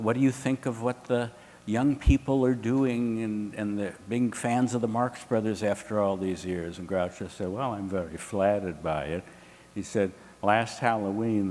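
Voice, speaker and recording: The big-room sound of a hotel event space surrounds a panelist with a fairly low voice as he tells an anecdote. Animated throughout, he acts out the people he quotes in lively voices.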